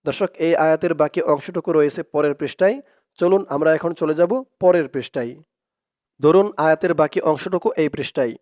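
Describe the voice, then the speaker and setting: A man teaching Quran reading, chanting words slowly and drawn out, then explaining quickly in between. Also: fairly high pitch, darkish tone. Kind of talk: slow recitation drills with quick explanations.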